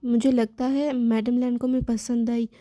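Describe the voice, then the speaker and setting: A woman's voice: fairly high pitch, flat delivery, measured pace, mellow, no echo, close to an everyday voice. A woman voicing a scheming teenage schoolgirl who puts on a sweet, innocent manner. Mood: sweetly scheming.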